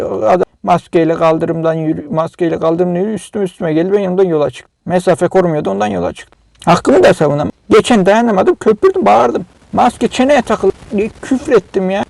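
High, gravelly man ranting angrily. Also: a little mellow. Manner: agitated, scolding, ranting. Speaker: vlogger. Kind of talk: angry monologue to camera.

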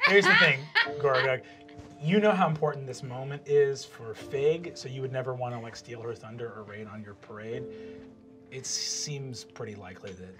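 A man in his thirties running a tabletop game from a studio table as game master, playful, with hushed asides. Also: mid-range voice, moderate pace, over loud music. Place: tabletop game studio with a large miniature set.

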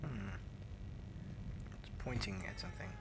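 A man's voice: lowish voice, a little slow, slight background noise, low-quality recording. A man in his thirties giving casual gameplay commentary, reacting in wry mutters as a streamer. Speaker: game streamer. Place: small room, indoors. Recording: faint game ambience behind voice.

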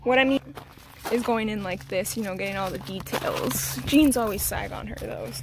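A woman's voice: moderate pace, background noise. A young woman vlogging outdoors in a garden, chatty and a bit flustered, slightly out of breath as she gives tips. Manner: chatty, slightly flustered, switches to high sing-song when coaxing her toddler. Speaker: vlogger and mother. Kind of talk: casual outdoor vlog with tips. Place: outdoors in a garden, under a tree.

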